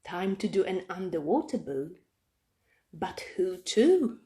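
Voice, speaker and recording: A woman reads a children's story aloud, telling it in an expressive, dramatic way. Her voice is on the low side and she takes a slow pace.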